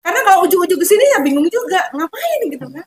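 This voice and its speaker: A woman's voice: very high-pitched, very animated, very fast, a little hiss or hum. A middle-aged woman with a Sundanese accent, telling her personal story animatedly and acting out the voices of the people in it. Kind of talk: emotional personal testimony.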